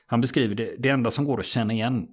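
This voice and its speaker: A man retelling a true story in a relaxed podcast conversation, steady and matter-of-fact, with frequent small fillers. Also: mid-range voice, breathy edge.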